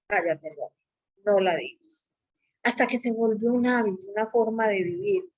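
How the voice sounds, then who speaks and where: A woman's voice: a little mellow, rough recording. Earnest woman giving testimony. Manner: earnest, dramatizes quoted thoughts with sudden pitch leaps. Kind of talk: personal faith testimony.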